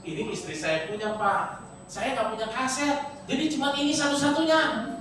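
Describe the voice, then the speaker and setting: A man's voice: very high voice, normal speed, a bit bright, slight background noise, voice pushed up. A man voicing a polite, worried male car driver who pleads respectfully. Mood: apologetic. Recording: echoey church hall from far off.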